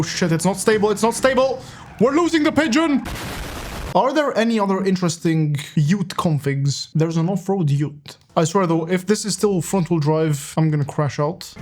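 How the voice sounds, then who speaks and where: A man's voice: a little high, animated, moderate pace, a little mellow. A young man streaming and commenting on a driving game in a casual, joking way, swearing often and laughing at his own crashes.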